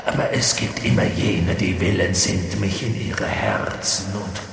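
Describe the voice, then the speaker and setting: A man voicing a cold, cruel male dark wizard in an audiobook, talking low and slow with sudden shrieks. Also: fairly even intonation, vocal fry, very echoey, in a large hall, slight background noise. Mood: menacing. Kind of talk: audiobook character voice.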